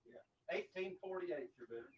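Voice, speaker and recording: A man's voice: high-pitched, animated, normal speed, slightly rough. A man talking briefly and practically. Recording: dull, faintly noisy, off mic.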